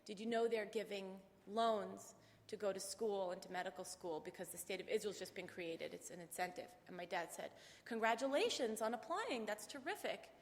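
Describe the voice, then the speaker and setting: A woman's voice: medium pitch, flat delivery, normal speed, few pauses. Woman giving a eulogy in a reverberant chapel. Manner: storytelling, acting out quoted dialogue. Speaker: eulogist, daughter of the deceased. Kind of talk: funeral eulogy with anecdotes. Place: memorial chapel.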